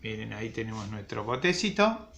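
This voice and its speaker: A man's voice: fairly low pitch, sing-song, a little fast, gravelly, fairly bright tone, a little hiss or hum. A man teaching young children their letters, with a patient, playful way of checking in with them. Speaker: primary school teacher. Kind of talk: children's phonics lesson at a board.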